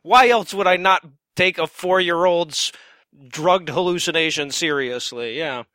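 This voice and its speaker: A man's voice: fairly high pitch, measured pace, pushed and bright, no echo. A man hosting a comedy podcast, blunt and irreverent, tossing in mocking asides. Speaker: podcast host.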